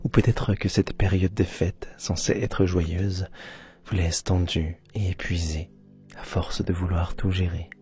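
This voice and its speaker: Slow deep soft guy doing sleep hypnosis right up in your ear, soothing, kinda breathy. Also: little pitch movement. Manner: soft, soothing guiding delivery, often trailing into breathy near-whisper; close binaural voice, right in the ear. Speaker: host of a relaxation and hypnosis channel. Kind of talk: guided sleep hypnosis narration. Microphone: close binaural microphone. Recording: close binaural recording with soft music. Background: soft background music.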